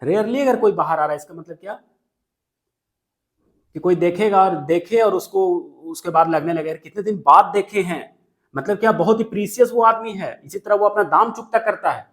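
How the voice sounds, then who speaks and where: A man with a high voice, speaking at normal speed, teaches a poem in class line by line. The literature teacher moves between Hindi and English, repeats key lines, and regularly checks that his students are following.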